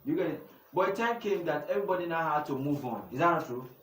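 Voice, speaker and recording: A man's voice: on the high side, animated, quick pace, fairly bright tone. Nigerian man teaching with call-and-response. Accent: Nigerian English. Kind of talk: teaching a youth class. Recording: echoey room from far off, noisy.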